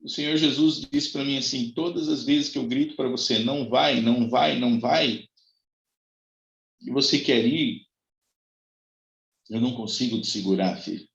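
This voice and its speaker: A man preaching as a pastor, telling a personal testimony with dramatic swings between high cries and soft low passages. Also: moderate pace. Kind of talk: sermon testimony. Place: church. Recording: echoey, dull lo-fi church recording.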